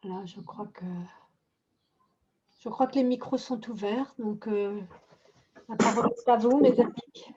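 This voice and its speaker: A woman leading a group meditation on a video call, talking gently and unhurriedly, often restarting her phrases. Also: fairly high pitch, measured pace, pauses often, husky. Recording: muffled video-call audio.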